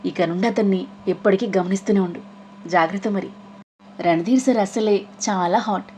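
A woman's voice: mid-range voice, fairly quick, mellow, a little hiss or hum, natural voice. A woman voicing a chatty young female friend who teases. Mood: teasing. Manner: teasing, chatty.

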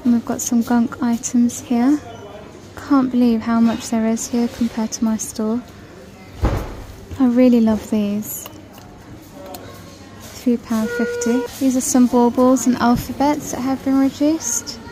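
Browsing a large store aisle, a British shopping vlogger reads prices aloud in a casual shop-with-me narration. She has a fairly high voice with little pitch movement, keeps a measured pace, and pauses often. A handheld phone camera serves as the mic.

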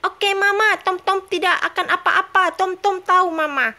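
A chirpy little baby boy, put on by a woman, pipes up in a very high, bright voice. He sounds eager to please and answers sweetly. This is a toy role-play. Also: fairly even intonation, normal speed, exaggerated voice.

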